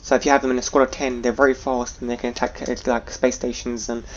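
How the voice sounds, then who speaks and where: A man gives casual gameplay commentary in an even, little-varying tone. He talks quickly and mutters orders to his units, with clear game battle noise behind him. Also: mid-range voice, highs cut off. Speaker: video game player narrating own gameplay. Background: space battle sounds and unit voices from the game.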